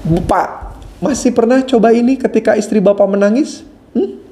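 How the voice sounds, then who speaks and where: A man preaching a sermon as pastor, playful and animated, talking straight to the congregation and often laughing. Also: high-pitched, moderate pace, a little hiss or hum. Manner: speaks directly to the congregation.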